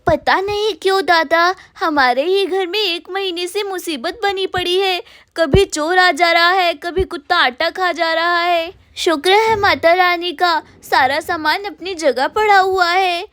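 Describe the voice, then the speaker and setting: Casting: woman as a very high-voiced, hurried daughter-in-law for a doll cartoon, dry sound. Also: fairly bright tone, no room sound. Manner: hurried, complaining. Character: young village daughter-in-law, busy and put-upon.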